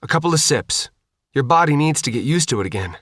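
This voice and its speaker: A man voicing a steady male soldier who talks in a calm, reassuring, quick way to a survivor. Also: on the high side, slightly rough, no echo, studio quality, voice pushed up.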